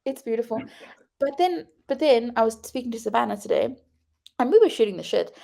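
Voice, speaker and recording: Brief: female podcast co-host, warm gravelly tone, animated casual chat. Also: on the high side, a little fast. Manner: chatty, animated, laughs often.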